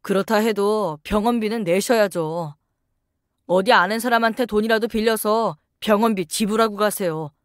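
A woman's voice: mid-range voice, moderate pace, dry recording, studio quality, natural voice. A woman voicing a curt hospital billing clerk who scolds a patient. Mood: stern.

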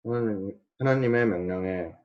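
Low-voiced man in a Bible study. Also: moderate pace. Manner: short agreeing replies. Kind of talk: casual Bible study discussion. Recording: dull lo-fi recording.

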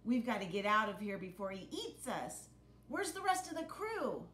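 A woman's voice: very animated, normal speed, a bit bright. A woman voicing a bold but worried male gingerbread pirate captain in a storybook, dramatic and exclaiming. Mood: urgent. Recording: roomy home recording with rumbling noise.

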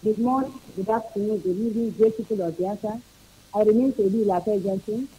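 A man reporting in as a correspondent on a radio call-in, talking in a rambling, halting way. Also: sits high, mellow, husky, low-quality recording.

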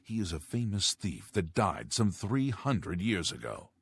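An actor voicing a mysterious master thief who leads a guild, speaking in measured video game dialogue. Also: male voice, deep voice, very animated, creaky, husky, no room sound, heavily acted. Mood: secretive.

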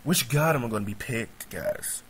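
A man casually commenting on his own game as he plays, excitable and prone to repeating himself. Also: medium pitch, moderate pace, background noise. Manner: excitable, repeats pleading words, laughs often. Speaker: gamer recording gameplay commentary. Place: at home on a laptop.

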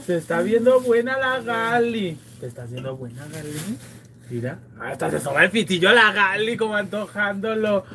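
A woman's voice: mid-range voice, expressive, normal speed, fairly bright tone, a little hiss or hum. A woman with a Mexican accent hosting a livestream, chatting, teasing and reading viewer comments in a playfully crude way. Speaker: livestream host.

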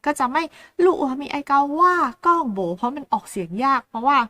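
Woman host, Phuket accent, high-pitched, dry close mic, patient teacher who repeats words slowly. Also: animated, bright, forceful tone, no echo. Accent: Southern Thai, Phuket. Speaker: language teacher and channel host. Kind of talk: language lesson.

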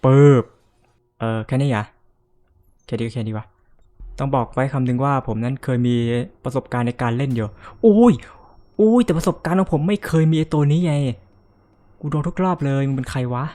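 A man's voice: mid-range voice, brisk, dark tone. A man giving casual let's-play commentary as a gaming YouTuber, joking around, swearing often and yelping in panic at scares.

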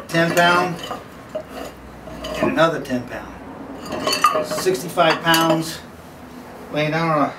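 A man in his seventies talking to camera in a small home gym, rambling and halting with many pauses and fillers. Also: a little high, recorded from a distance, noisy background. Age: 70s. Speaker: fitness vlogger promoting his product. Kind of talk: casual talk to camera.

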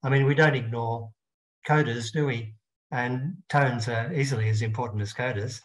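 A man giving a keynote academic lecture as a linguist, explaining his slides step by step and rising in pitch on the points he stresses. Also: steady tone, moderate pace, poor audio. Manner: explanatory, with emphatic rises in pitch.

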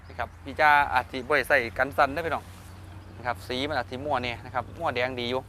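A man with an Isan accent sells live to his viewers in a fast, hyped patter. His voice is bright and forceful, and he keeps calling out to the audience and checking for agreement. There is some background noise from an outdoor location. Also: medium pitch, steady tone. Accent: northeastern Thai (Isan). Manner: repeatedly addresses viewers and prompts for agreement. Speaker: host of cattle-sale videos.

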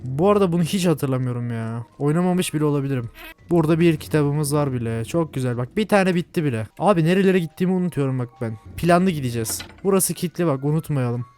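A young man with a Turkish accent giving chatty, jumpy commentary while playing a horror game, yelling at scares. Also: a little high, expressive, fast. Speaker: gaming channel host.

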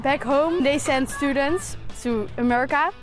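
High-voiced young Dutch woman, halting. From Netherlands. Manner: halting, searching for English words. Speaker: college field hockey player. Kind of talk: casual interview. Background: music.

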